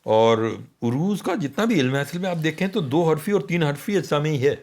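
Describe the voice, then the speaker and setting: A man's voice: a little high, animated, a little mellow. A man teaching the meters of poetry in a radio conversation, patiently counting sounds aloud and checking that his listener follows.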